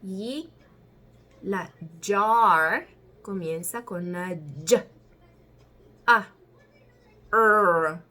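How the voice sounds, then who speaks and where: A woman whose first language is Spanish teaches the English alphabet sounds. She speaks slowly and patiently, drawing out each letter. Her pitch sits in a middle range. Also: a bit bright. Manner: slow, careful, drawn-out spelling.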